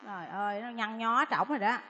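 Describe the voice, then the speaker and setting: A high-voiced, impatient female doctor with a Southern Vietnamese accent grumbles, sighs and scolds her patients, as a woman plays her in a stage skit. She sounds weary and vain throughout. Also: fast talker, pushed and bright, highs cut off. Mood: weary grumbling. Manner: complaining, exasperated sighs and scolding.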